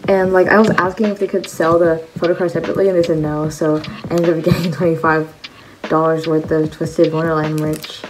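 A woman's voice: sits low, little pitch movement, a little fast, background noise. A teenage girl chatting casually at home about her merch haul, with lots of fillers. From China. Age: teens. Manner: chatty, many likes and fillers. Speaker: vlogger. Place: bedroom at a table indoors. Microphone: phone camera at close range. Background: background music.

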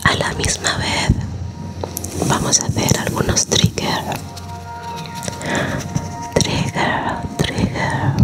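A young woman whispers intimately in an ASMR style, close to the microphone, softly repeating words. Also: very slow, pauses often, loud music behind the voice. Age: young adult. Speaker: ASMR creator and host. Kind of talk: ASMR, soft whispered chat to viewers. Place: small room at home, indoors. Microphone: close tabletop condenser microphone.

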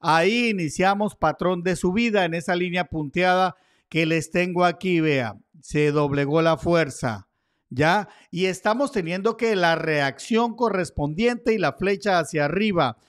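A man's voice: high-pitched, unhurried. A man giving casual market commentary over charts, chatty and joking with his viewers. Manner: chatty, jokey asides to viewers. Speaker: crypto chart analyst.

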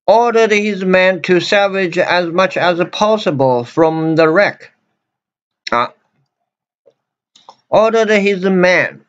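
A man with a Chinese accent teaching an English grammar lesson, repeating himself and reading English lines slowly. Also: fairly high pitch. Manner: repetitive, many fillers and restarts, reads English slowly. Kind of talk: grammar lesson explaining sentences. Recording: dull lo-fi recording.

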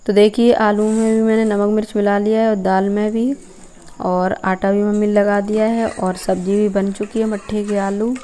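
A woman's voice: medium pitch, level tone, moderate pace, mellow. A young woman from Uttar Pradesh, India, explaining each step as she cooks in a rural courtyard. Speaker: village cooking vlogger. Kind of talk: casual cooking narration.

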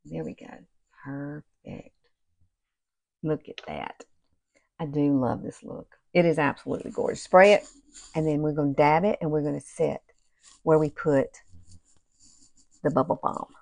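Speaking at a fairly low pitch, this fifty-something beauty vlogger from the southern United States talks through her makeup in a chatty, folksy way, as if with girlfriends. She's indoors in a small room at home, and the recording is dry.

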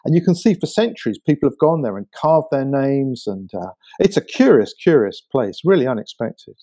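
An English man, a guest author, describing places in a lively, animated storytelling manner during a casual conversation. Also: mid-range voice, normal speed. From England.

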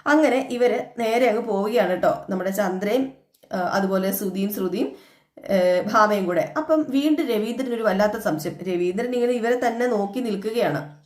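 A woman's voice: mid-range voice, moderate pace. Chatty woman recapping an episode. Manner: chatty, acts out the dialogue. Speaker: serial recap vlogger. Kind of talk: casual episode retelling. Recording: echoey room.

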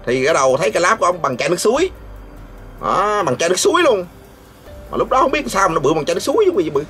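A man delivers a mocking, scolding vlog rant in a lively, swooping voice pitched a little high. He laughs mid-sentence as he jeers. Faint music plays behind him. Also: rapid-fire. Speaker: vlogger host.

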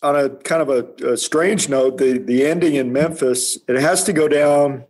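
A man in a casual sports podcast, speaking in a halting way as he searches for words. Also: a little high, a little mellow, husky.

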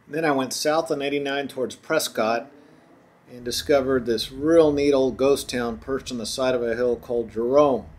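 A man narrating his own road trip as a travel voice-over, in a relaxed, chatty tour-guide manner. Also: medium pitch, moderate pace.

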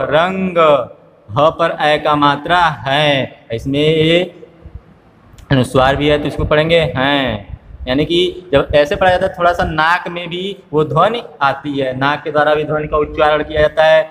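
A higher-pitched man teaches young children to read, spelling each word out slowly, one syllable at a time, and repeatedly asking what it makes. His voice carries a long reverb, with a faint room hum behind it. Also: a bit bright. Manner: slow, drawn-out spelling aloud, syllable by syllable, with repeated questions. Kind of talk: phonics lesson for small children.

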